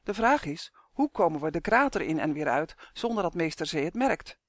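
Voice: mid-range voice, very animated, moderate pace, no room sound, studio quality, natural voice. The reader playing a stubborn, earnest boy hero. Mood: determined. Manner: insistent, pleading emphasis. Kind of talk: audiobook character voice.

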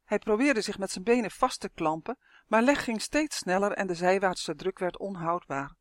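A woman reading a children's story aloud in a lively, expressive way. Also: medium pitch, moderate pace, no echo, clean studio sound. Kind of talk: storybook narration.

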